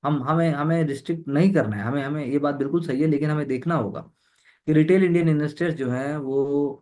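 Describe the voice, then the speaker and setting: Higher-voiced male exam tutor. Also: fast, darkish tone. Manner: code-switching, repeats words, leans on fillers. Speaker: exam prep teacher. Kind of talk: explaining news editorials to students.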